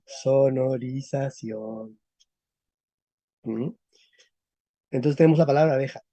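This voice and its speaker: A male teacher giving a lecture on the history of Spanish, explaining step by step and checking with quick tag questions. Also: fairly high pitch, dark tone, no echo. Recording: dull lo-fi recording.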